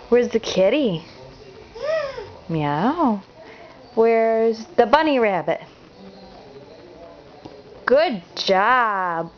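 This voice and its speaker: A woman's voice: medium pitch, highs cut off, a little hiss or hum. A woman quizzing a toddler in a home video, asking short questions and praising each answer. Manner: sing-song praising questions. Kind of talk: home video teaching session.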